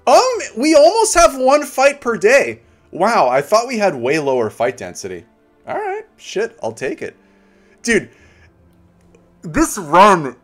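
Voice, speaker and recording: A man streaming a game, chatting casually with viewers, laid-back, swearing and laughing often. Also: on the high side. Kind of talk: casual live-stream chat.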